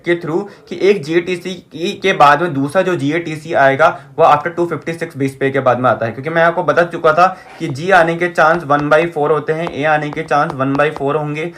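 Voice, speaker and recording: High-voiced man lecturing in English. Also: steady tone, normal speed, few pauses, a bit bright. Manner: repeats key terms, asks the class rhetorical checks. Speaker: teacher. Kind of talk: whiteboard lecture.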